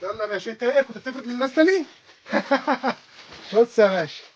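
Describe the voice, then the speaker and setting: Man, Egyptian accent, carpet seller, high voice, repetitive hawker patter, lo-fi audio. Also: lively intonation, quick pace, a little hiss or hum. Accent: Egyptian Arabic. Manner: chatty, repeats short phrases like a market hawker. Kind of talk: casual market sales pitch.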